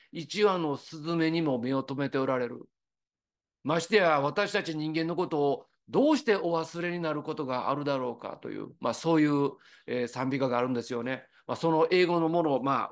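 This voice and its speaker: Lively Osaka preacher, a man, talking in an animated way. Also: on the high side. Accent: Osaka Kansai. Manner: conversational, lively storytelling with quoted voices. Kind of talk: sermon.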